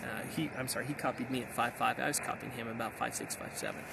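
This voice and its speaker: This gravelly, medium-pitched male voice moves at a quick pace with fairly even intonation. The speaker is a middle-aged American amateur radio operator vlogging outdoors in hilly backcountry and giving a casual, enthusiastic summary, with outdoor noise behind him.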